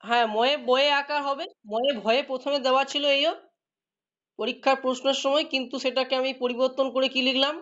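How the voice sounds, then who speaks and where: A woman's voice: sits high, level tone, quick pace, fairly bright tone. Woman teacher, questioning students. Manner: explains patiently, asks students questions and praises answers. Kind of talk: classroom lesson. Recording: dull lo-fi recording.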